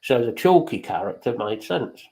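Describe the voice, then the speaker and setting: A man's voice: mid-range voice, big pitch swings, moderate pace, warm tone, low-quality recording. A man hosting a casual chat, talking bluntly and swearing freely. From England.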